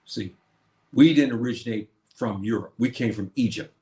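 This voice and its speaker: Through a streaming setup in an echoey room, a man hosts a history lecture in a preachy tone, asking questions only to answer them himself. His mid-range voice has a dark tone and moves at normal speed.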